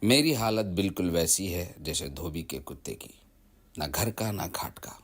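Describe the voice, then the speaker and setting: A man doing a wry, husky narrator with a Hyderabadi accent. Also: low-pitched, lively intonation, normal speed, a bit bright. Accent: Hyderabadi Urdu. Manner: wry, half-whispered asides.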